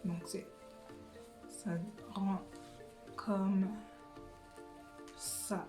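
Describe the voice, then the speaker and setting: A woman's voice: mid-range voice, level tone, very slow, music in the background. A young woman chatting casually in her living room during a wig try-on vlog, hesitant and full of fillers and restarts. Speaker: beauty vlogger.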